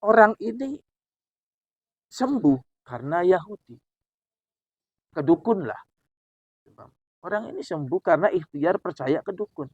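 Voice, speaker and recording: A man preaching who tells a story in an animated way, acting out the dialogue as he goes. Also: sits high, unhurried, pauses often, breathy edge, no echo. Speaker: Islamic preacher. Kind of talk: sermon storytelling. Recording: dull, dry recording.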